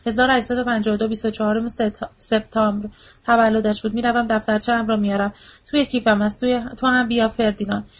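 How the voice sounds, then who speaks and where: A woman's voice: fairly high pitch, little pitch movement, close to an everyday voice. A woman reading the part of a desperate, grieving old widow who pleads and repeats herself, in a storybook reading. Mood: insistent. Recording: dull lo-fi audiobook recording.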